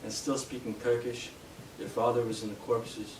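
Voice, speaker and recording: A young Canadian poet gives a live reading in a bookshop, speaking at a medium pitch and moderate pace. Between poems he hesitates and uses fillers, but he reads his verse steadily. He is far from the microphone, so the recording sounds roomy, distant, and noisy with live room sound.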